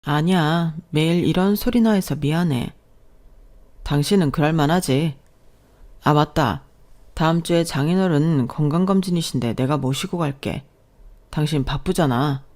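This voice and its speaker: A woman reading the part of a soft-spoken young husband who apologizes and reassures his wife gently. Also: low-pitched, normal speed, lightly acted. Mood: apologetic.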